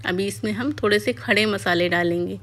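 A woman calmly narrating a home cooking tutorial step by step as a voice-over. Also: medium pitch, fairly quick. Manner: calm step-by-step explaining. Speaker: cooking channel host.

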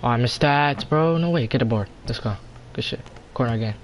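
Young male gamer, frat-bro slang, bossy and exasperated squad chat, mid pitch, slightly noisy mic. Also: a little fast. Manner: exasperated, bossy callouts to teammates. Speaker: online basketball gamer. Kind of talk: casual in-game team chat.

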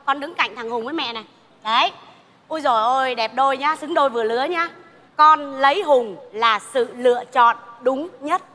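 A woman's voice: high-pitched, normal speed, bright, forceful tone. A woman playing a bossy, mocking mother in a stage comedy sketch, scolding and teasing. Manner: scolding and teasing, laughing at her own jabs. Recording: reverberant theater hall, faint noise.

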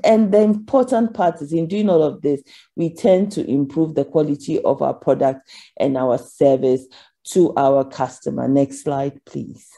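A woman's voice: deep voice, vocal fry, dark tone. A woman giving a conference keynote over slides, earnest, with frequent ums as she asks for the next slide. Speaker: keynote speaker.

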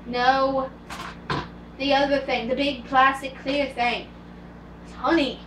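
A woman's voice: high voice, little pitch movement, slow pace, fairly bright tone, roomy sound, a little hiss or hum. A woman playing a bossy, prim young Englishman in an amateur cosplay comedy skit, giving orders in a dry way, filmed by a far camera in a home kitchen.

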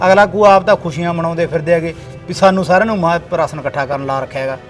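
A man's voice: a little high, racing, faint music behind, natural voice. A man playing a grown village son, scolding and bossy in tone. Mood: persuading. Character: grown village son organizing flood relief. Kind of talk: village short film acting.

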